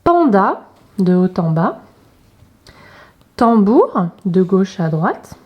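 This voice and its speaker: A woman teaching young pupils at a distance, slowly and clearly walking them through reading and maths exercises, naming each picture in turn. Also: on the low side, animated, lo-fi sound. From France. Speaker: primary school teacher. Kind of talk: remote lesson instructions to young pupils.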